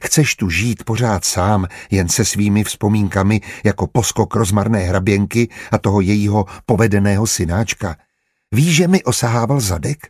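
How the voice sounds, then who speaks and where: A man voicing a calm, motherly sister in an audiobook, speaking gently but firmly. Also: lowish voice, slightly rough, no echo, studio quality. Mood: pleading. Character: caring, motherly adult sister, calm and firm.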